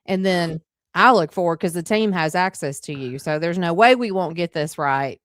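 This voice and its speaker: Dry, smooth-voiced woman host. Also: lowish voice, moderate pace, no echo. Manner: chatty, with frequent "like" and "you know" fillers. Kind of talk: casual conversational interview.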